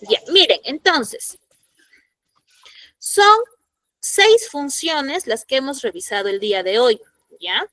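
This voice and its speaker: Teacher, female, high voice, dry close sound, questioning, explanatory. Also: expressive, slow pace, pauses often, a bit bright, no room sound. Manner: explanatory, asks the class questions. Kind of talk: classroom lesson to students.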